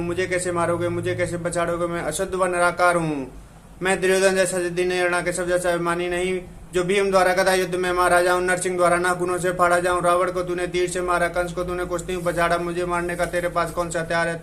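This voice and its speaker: A man's voice: high-pitched, a bit bright, slight background noise. A man reciting as boastful demon Kali. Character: arrogant demon Kali, boastful male evil spirit. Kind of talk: recited devotional poem.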